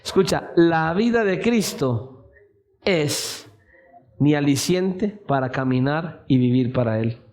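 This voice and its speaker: In a church, a high-voiced male preacher delivers an expressive, slow-paced sermon. His fervor builds until he is shouting impassioned pleas.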